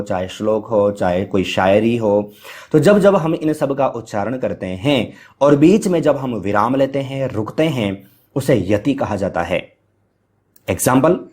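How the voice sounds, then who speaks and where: A man's voice: on the low side, a little mellow. A man giving a lecture, explaining step by step, asking rhetorical questions and answering them himself, with frequent filler sounds. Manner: chants Sanskrit verse at varying speed. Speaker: teacher. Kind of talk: Hindi grammar lecture.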